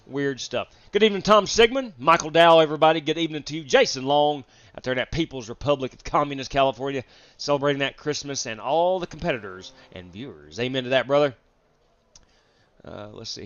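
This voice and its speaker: A man's voice: medium pitch, fairly bright tone, no room sound. A man hosting a live sim racing stream, chatting casually with viewers while sick and feeling drained. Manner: chatty, greets viewers from chat, rambling with fillers. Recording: dull, lo-fi dry stream audio.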